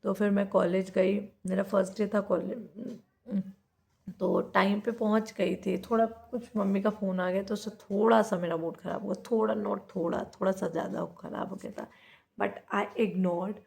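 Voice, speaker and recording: A woman's voice: mid-range voice, little pitch movement, moderate pace, gravelly, darkish tone, slightly rough. Chatty young Indian woman vlogging. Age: 20s. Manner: chatty, self-correcting, mixes in English phrases. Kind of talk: casual diary vlog. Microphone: handheld phone camera.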